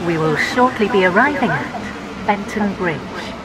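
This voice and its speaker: A woman's voice: medium pitch, heavy background noise. A woman giving formal automated station announcements, stitched together from separately recorded words. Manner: slow, even, measured. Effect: automated announcement spliced together from separate recorded words.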